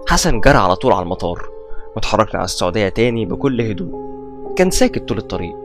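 Casting: Egyptian male storyteller, tense horror narration, brisk pace, low register. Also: sing-song. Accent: Egyptian Arabic. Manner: tense first-person storytelling. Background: faint background music.

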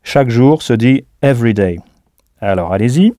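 A man's voice: mid-range voice, expressive, moderate pace, dark tone, dry recording, clean studio sound. A man teaching a recorded audio language lesson, patiently spelling out words letter by letter and prompting the listener to answer.

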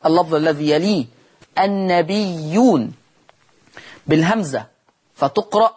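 Man, Egyptian accent, high-pitched, tajweed teacher, quick explanations, long chanted vowels. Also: slightly rough. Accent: Egyptian Arabic. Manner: switches between quick explanation and slow, drawn-out chanted recitation. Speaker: Quran recitation teacher. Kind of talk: televised tajweed lesson.

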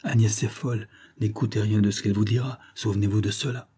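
A man's voice: on the low side, fairly even intonation, quick pace, mellow, breathy edge. A man voicing a tense young husband who speaks urgently and commandingly.

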